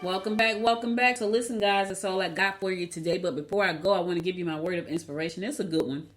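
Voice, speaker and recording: Lower-voiced woman podcaster talking with braces. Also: fairly even intonation, quick pace, fairly bright tone, soft background music. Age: middle-aged. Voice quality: slightly slurred speech from braces. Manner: talks with braces, stumbling over words at times; candid, encouraging, repeats phrases for emphasis. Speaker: podcast host. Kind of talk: motivational solo podcast talk.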